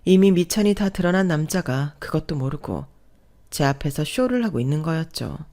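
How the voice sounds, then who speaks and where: A woman narrating a scripted personal story in a calm, even way. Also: sits low, normal speed.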